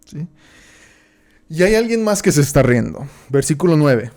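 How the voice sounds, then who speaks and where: A man's voice: on the high side, big pitch swings, normal speed, a little mellow. Man teaching a Bible study. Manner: reads verses aloud, then explains them, often checking in with the listener.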